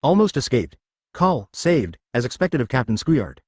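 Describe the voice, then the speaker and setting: A man reading fan fiction aloud as a steady scripted narration. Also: mid-range voice, moderate pace, breathy edge, no room sound, clean studio sound.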